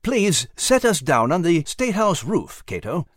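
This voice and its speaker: A fussy, well-mannered gentleman mouse, voiced by a man. His speech is formal and lively in pitch, in a close, dry storybook read. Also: a little slow, no echo. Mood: earnest. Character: prim, genteel English male mouse.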